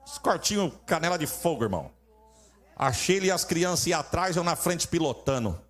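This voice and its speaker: A Brazilian man preaching a humorous sermon and rattling through his stories at speed. His slightly high voice leaps around in pitch as he acts out the people in them, keeping the delivery animated from line to line. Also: fairly quick. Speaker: traveling pastor.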